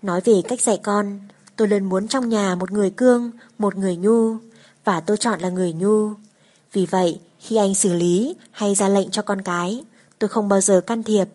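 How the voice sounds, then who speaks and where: Woman audiobook narrator, mid-pitched, steady first-person storytelling. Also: moderate pace.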